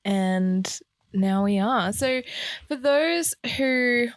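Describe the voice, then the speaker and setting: A woman's voice: on the high side, expressive, very slow, no echo. A woman co-hosting a podcast in casual chat, rambling with lots of fillers and frequent laughs. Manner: rambling, laughs often, many ums and likes. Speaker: podcast co-host.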